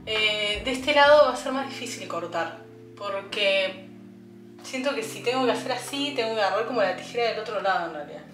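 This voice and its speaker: A young woman with an Argentine accent, chatting casually as she cuts her own hair at home, a bit hoarse from a cough, self-mocking and thinking aloud. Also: mid-range voice, lively intonation, a little fast, a bit bright, roomy sound, faint music behind. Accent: Argentine Spanish. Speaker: beauty vlogger. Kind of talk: casual vlog chat. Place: home bathroom.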